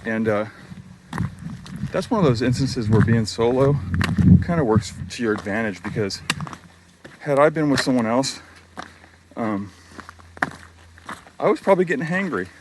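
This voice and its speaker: A man's voice: mid-range voice, lively intonation, measured pace, long pauses. A middle-aged man chatting casually to the camera while hiking alone on a forest trail, rambling and self-deprecating. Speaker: hiking vlogger. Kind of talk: casual vlog talk to camera. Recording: outdoor noise in the background. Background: outdoor noise.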